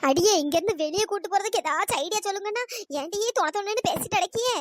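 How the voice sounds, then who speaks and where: A squeaky, very high cartoon village woman, voiced through pitch-raising, who nags and bickers in a shrill, sing-song way. The sound is close and dry with no room around it. It reads like a cartoon storytelling voice. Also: quick pace, no echo. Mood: impatient. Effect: pitch-raised voice.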